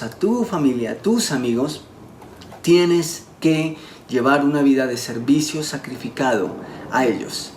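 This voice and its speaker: A man's voice: on the high side, a little mellow. Earnest man preaching in an echoey room. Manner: earnest, slows down to stress words. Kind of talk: sermon teaching. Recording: echoey room with faint background noise.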